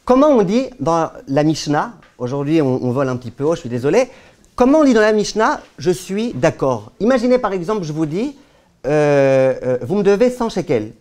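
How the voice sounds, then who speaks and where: A rabbi teaching a Torah class in an animated, conversational way. He keeps putting questions to his listeners and tells stories with a playful touch. He often drops Hebrew terms into his speech. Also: fairly high pitch, normal speed. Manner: playful storytelling. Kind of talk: lively Torah lesson.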